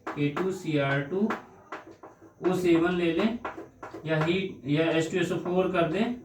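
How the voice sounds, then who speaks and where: A male chemistry teacher with a high voice lectures slowly on organic chemistry against a noisy background. His voice comes from a distance in an echoey room, and he goes through reactions step by step while asking himself questions.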